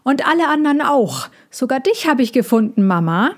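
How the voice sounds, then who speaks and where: A woman voicing a young, cheeky, hungry animal cub boy in a storybook, with a bright, eager voice. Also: sits high, very animated, a little fast, voice pushed up. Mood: defiant.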